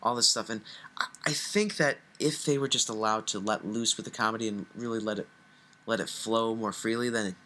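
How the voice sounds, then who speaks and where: Young guy reviewing a horror flick, bright voice, lots of ums and false starts. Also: fairly low pitch, fairly even intonation, fairly quick. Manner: hesitant, many ums and restarts. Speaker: co-host of a horror movie review show. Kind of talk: casual review chat.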